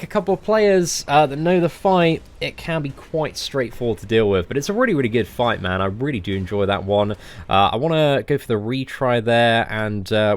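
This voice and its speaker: A young man giving casual game commentary as a boss guide, chatty and relaxed with lots of fillers. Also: mid-range voice, dry recording. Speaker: gaming channel host.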